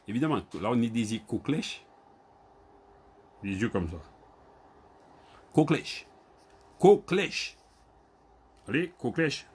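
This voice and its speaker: A man with a Guadeloupean Creole accent teaching an online Creole lesson. He repeats each word slowly, spells it out letter by letter and calls on his students by name. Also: mid-range voice, lively intonation, slightly rough.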